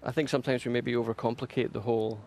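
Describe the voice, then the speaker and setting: A man's voice: mid-range voice, flat delivery, fast talker, a little mellow, a little hiss or hum. Earnest man preaching a sermon. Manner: earnest, emphatic preaching with repeated phrases and restarts. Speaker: pastor. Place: church.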